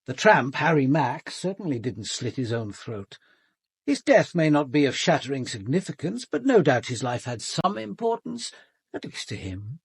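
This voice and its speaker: In a British radio drama, a male actor plays a composed, probing senior police detective, speaking in a measured, formal manner. His mid-range voice is sing-song, creaky and slightly rough, heavily acted and free of echo.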